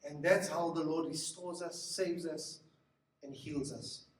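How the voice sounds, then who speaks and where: A man's voice: fairly high pitch, fairly even intonation, measured pace, very noisy. A man preaching a sermon on marriage, emphatic and acting out what spouses say to each other. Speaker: pastor. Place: church hall. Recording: echoey hall, mic from a distance.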